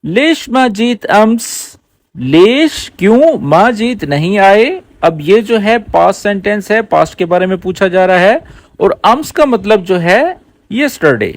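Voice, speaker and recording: High, lively man teaching spoken Arabic. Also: dry recording. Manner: explains slowly, repeats phrases word by word. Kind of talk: language lesson.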